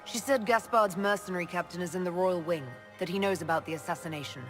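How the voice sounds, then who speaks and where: A guarded fantasy game heroine, acted by a woman, wry and direct. Her voice sits fairly low, and music plays clearly behind her. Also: fast, close to an everyday voice. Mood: cool, wry. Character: guarded, dry-witted heroic female inquisitor. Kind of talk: video game dialogue acting.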